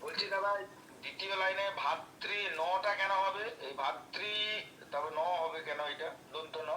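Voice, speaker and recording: A man's voice: sits high, measured pace, pushed and bright, a little hiss or hum. Hesitant male student on distant echoey call. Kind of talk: answering in online class. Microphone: video call.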